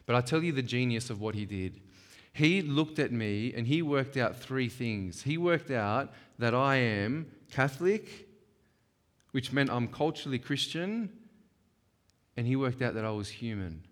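In an animated, unhurried, mid-range voice, a man leads a church workshop session held in a church hall. He speaks casually but with emphasis, often checking in with those present, and the sound carries a long reverb.

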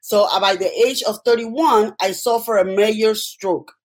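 With an unhurried, mid-range voice, a middle-aged Puerto Rican woman, a Spanish-first-language healthcare worker, tells personal stories as an interview guest. She has a Puerto Rican accent and keeps asking "okay?".

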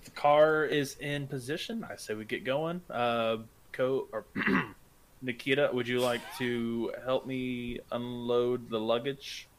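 A man's voice: mid-range voice, steady tone, slow pace, slight background noise. Dry, matter-of-fact male player. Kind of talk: casual tabletop game banter.

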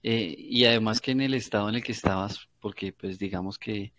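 A man's voice: fairly low pitch, fairly quick, a bit bright, no echo. A man interviewing a guest, asking long, hedging questions full of fillers. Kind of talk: conversational interview.

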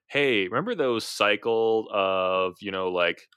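A man with a Midwestern American accent, co-hosting a podcast in casual chat. His voice sits somewhat low but sounds bright and forward, recorded dry and close. He rambles and jokes as he talks. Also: takes it slowly, smooth, dry recording. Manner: chatty, rambling, jokey. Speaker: podcast co-host.

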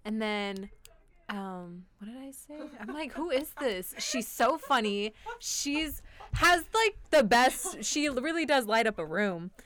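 Woman interviewer; chatty, loose, fragmentary phrasing, slightly high voice. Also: animated, slow, a bit bright. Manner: chatty, trailing off mid-sentence. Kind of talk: casual interview.

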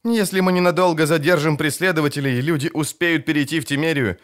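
A man reading an audiobook, voicing a fierce, battle-hardened woman mercenary captain who shouts commands. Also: steady tone, quick pace, natural voice. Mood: scornful. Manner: shouted commands, raised high voice.

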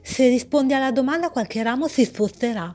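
A woman's voice: high voice, animated, brisk, darkish tone, faint music behind. A woman reading aloud voices a mysterious, playful voice that gloats as it poses riddles in a storybook tale. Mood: teasing. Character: mysterious teasing riddle-telling voice.

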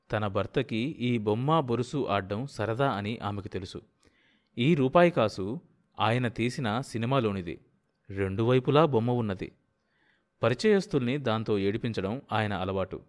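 Man reading a story steadily. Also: fairly low pitch. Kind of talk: storybook narration.

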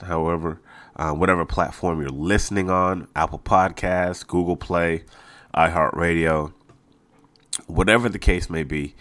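A man's voice: deep voice, a bit bright, no room sound. A man hosting a casual solo sports podcast, a little nasal and congested, talking informally and repeating phrases for emphasis. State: mildly congested from allergies. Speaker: podcast host.

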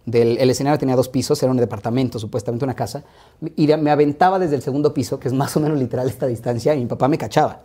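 A Mexican man in his thirties tells his childhood stories to an interviewer, rushing through the anecdotes with plenty of asides. He speaks with a Mexican Spanish accent. His delivery is very fast, and his voice is dark and mellow. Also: medium pitch. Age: 30s. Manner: lively, quick anecdotes with frequent asides. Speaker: interview guest. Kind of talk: relaxed interview storytelling.

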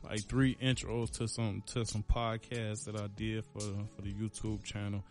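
A man's voice: fairly low pitch, little pitch movement, normal speed, soft background music. A man hosting his own podcast, talking casually in a rambling, laid-back way with lots of fillers and slang, a little out of breath. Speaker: podcast host. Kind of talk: casual solo podcast outro.

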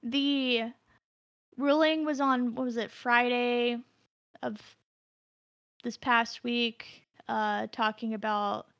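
A woman co-hosting a casual podcast chat with a high, bright voice. She rambles and restarts her thoughts often, recorded close and dry. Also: steady tone, slow, pauses often, no echo. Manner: rambling, full of fillers and restarts. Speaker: podcast co-host.

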